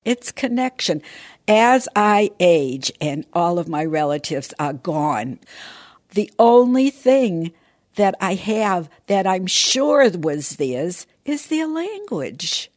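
A woman in her eighties with a low voice speaks slowly, as if in a radio interview. She recalls personal memories and sprinkles in Yiddish phrases. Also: very animated, a little mellow, dry recording, studio quality. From outside Boston, United States. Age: 80s. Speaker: interviewee, Yiddish language teacher.

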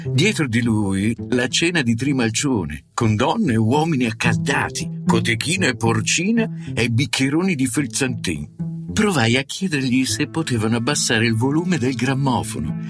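A man's voice: mid-range voice, big pitch swings, normal speed. A man narrating a short story with a wry, ironic manner. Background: guitar music.

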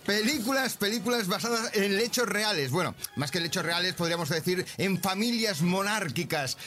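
A man's voice: sits high, animated, brisk, bright, forceful tone. A man presenting a film quiz section on a radio show, chatty and teasing with hints.

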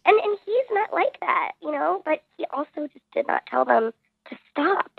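A woman in her thirties calls in to a radio show with her voice run through a voice changer, talking in a hesitant, halting way. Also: high-pitched, animated, creaky, dry recording. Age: 30s. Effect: voice changer disguising her voice. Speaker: caller. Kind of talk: radio call-in. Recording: tinny phone line.

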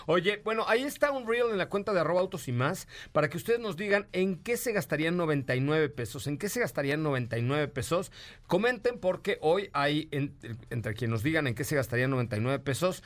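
Teasing Mexican male radio host, higher-pitched. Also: animated, brisk. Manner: joking, teasing, colloquial. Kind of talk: casual live radio banter. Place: radio studio. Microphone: studio microphone.

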